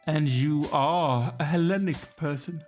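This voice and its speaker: A man's voice: a little high, a little slow, darkish tone, faint music behind. A tired, yawning man casually commenting as he plays a strategy game, musing aloud and chatting to the characters on screen. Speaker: let's play gamer.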